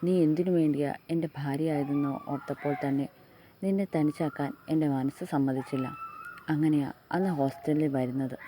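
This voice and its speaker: A woman voicing a devoted young husband in an audio love story, speaking softly and earnestly. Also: low-pitched, a little hiss or hum, lightly acted.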